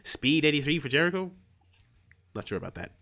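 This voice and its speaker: A man's voice: fairly high pitch, sing-song, brisk, sharp tone. A man streaming a mobile game, reading its tutorial text aloud and adding wry, rambling asides with lots of fillers. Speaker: gaming streamer.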